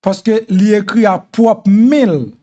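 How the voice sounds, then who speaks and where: A man's voice: high-pitched, takes it slowly, dark tone, lo-fi sound. A middle-aged man with a Haitian Creole accent, talking in a casual commentary monologue and repeating his advice insistently. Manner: repetitive, insistent advice-giving. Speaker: host.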